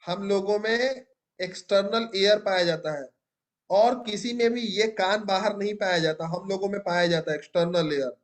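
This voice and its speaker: A man's voice: sits high, fairly even intonation, moderate pace. A young man teaching a biology class, asking students questions and praising their answers. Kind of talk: classroom lecture.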